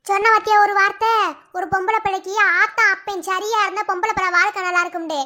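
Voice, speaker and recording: A fierce cartoon sister-in-law lectures sharply in a Madurai Tamil accent. Her voice is very high and bright, and she talks fast. She scolds without pause. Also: fairly even intonation. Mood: lecturing.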